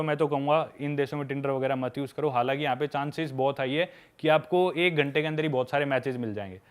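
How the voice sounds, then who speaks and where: As a guest on a podcast, a young man who films travel videos tells frank, lively stories about his journeys, addressing the listener as "brother." His voice is a little high and clean in tone, and the talk is a casual storytelling chat.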